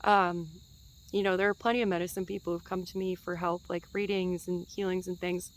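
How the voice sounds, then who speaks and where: A woman's voice: on the low side, little pitch movement, brisk, poor audio. Young woman, casual spiritual talk, lots of ums and likes, recorded outside in the woods. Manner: chatty and meandering, with frequent fillers and light laughter. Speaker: spiritual teacher. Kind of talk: casual spiritual teaching to camera. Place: outdoors in a forest.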